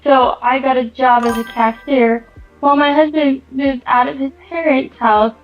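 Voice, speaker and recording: A young woman reading a story aloud slowly and chatting casually as a guest. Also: high-pitched, fairly even intonation. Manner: slow, measured reading. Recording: dull lo-fi mic with music behind.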